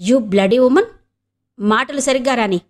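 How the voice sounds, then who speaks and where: A woman voicing a brusque young gentleman. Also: fairly high pitch, takes it slowly. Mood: irritated. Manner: brusque, irritated. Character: impatient young gentleman visitor.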